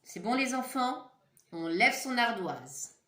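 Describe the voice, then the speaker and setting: A woman teacher slowly dictating words syllable by syllable to young children, encouraging and patient. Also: fairly high pitch, very animated, fairly bright tone, roomy sound. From France. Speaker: primary school teacher.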